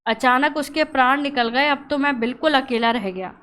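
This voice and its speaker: A scheming male turtle who plays along with a trick and fakes mourning, as a woman puts him on. The voice is high and bright. It is read aloud as a children's storybook play. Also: normal speed, smooth. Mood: fake grief. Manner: friendly, then scolding.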